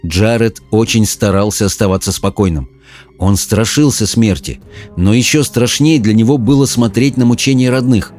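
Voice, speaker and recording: A man narrating an audiobook in an expressive, dramatic storytelling manner. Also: on the low side, moderate pace, faint music behind.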